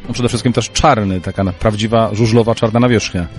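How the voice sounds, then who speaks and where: A man's voice: on the low side, steady tone, a little fast, faint music behind. A male sports reporter interviewing riders and a coach and reading results, asking short leading questions.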